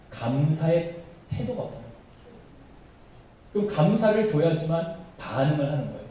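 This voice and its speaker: A man's voice: a little high, mellow, slight background noise. A male pastor preaching a sermon, animatedly addressing his congregation. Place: church sanctuary. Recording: very echoey church hall, voice from far off.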